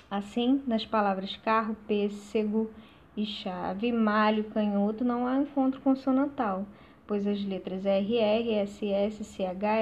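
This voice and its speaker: Slow-talking teacher woman, lo-fi sound. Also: fairly high pitch. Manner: slow, with many "né?" tag questions and hesitations. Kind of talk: recorded class lesson.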